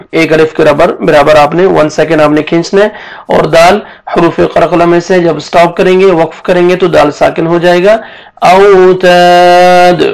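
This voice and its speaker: A man teaching a Quran recitation lesson, patiently explaining each letter and sound, then chanting the verses slowly. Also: fairly high pitch, creaky, rough recording.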